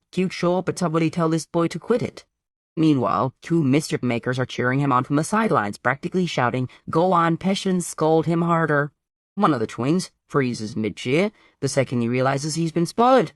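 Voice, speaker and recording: A man's voice: on the high side, dry recording. Guy narrating a story recap, playful and wry, dry close sound.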